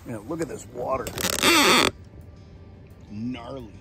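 A fishing vlogger chats casually on a boat on a lake, tasting drinks with relaxed, laid-back commentary in an outdoor vlog. His mid-range voice is slow and creaky, and loud music plays behind it.

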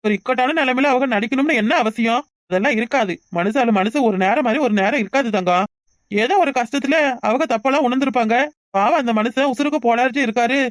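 A woman doing a calm, kind husband. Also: on the high side, fast, no room sound, studio quality, natural voice. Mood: soothing. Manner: calm, reasoning, soothing. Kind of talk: cartoon voice acting.

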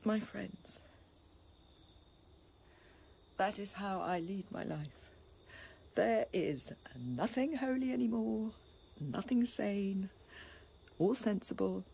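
Taking it slowly in a gravelly female voice, an actress conveys weary despair as a young princess in a classical tragedy. Her bitter, impassioned grief shifts from low laments to sharp outbursts, with a little hiss or hum in the recording.

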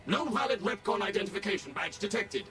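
Video game: servile android guard, smooth and mechanical, pitched high. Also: male voice, lively intonation, quick pace, fairly bright tone, faint music behind. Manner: overly polite and mechanical. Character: smooth, servile male security robot.

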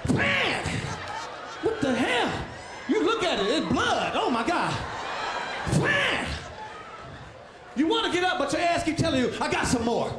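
A man with a strikingly high voice works a comedy club crowd, loud and animated as he acts out characters and shouts sound effects. The recording is echoey and noisy, with a roomful of laughter behind him. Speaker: stand-up comedian. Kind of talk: stand-up comedy set. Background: audience laughing.

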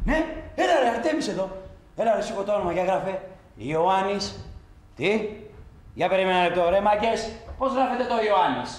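A man's voice: sits high, very animated, echoey room. A man playing a brash, pushy undertaker who talks slangy and blunt on a phone call, in a comedy film. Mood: hustling. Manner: slangy, blunt, shouting down a bad line. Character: brash pushy male undertaker hustling for business.

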